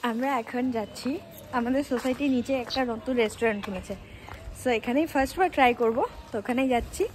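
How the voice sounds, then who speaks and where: A woman's voice: a little high, fast talker, a little mellow, slight background noise, rough recording. A woman vlogging her family's day in casual chat, talking to the camera and cooing at her small daughter. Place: home and nearby streets.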